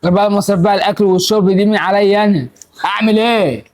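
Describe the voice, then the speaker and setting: An actor with an Egyptian accent, playing a defensive grown son in debt who answers with curt, rapid-fire excuses. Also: male voice, high voice, fairly even intonation, a little mellow, close to an everyday voice. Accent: Egyptian Arabic. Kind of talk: scripted family drama acting.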